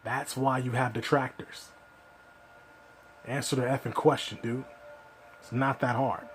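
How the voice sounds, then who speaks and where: A man's voice: mid-range voice, flat delivery, a little slow, a little hiss or hum. A man giving ranting reaction commentary, scolding and exasperated.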